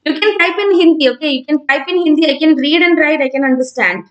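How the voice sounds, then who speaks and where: High-pitched South Indian woman teaching. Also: lively intonation, fast, lo-fi sound. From Kerala, India. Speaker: online physics teacher. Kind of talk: informal live-stream lesson, answering student comments.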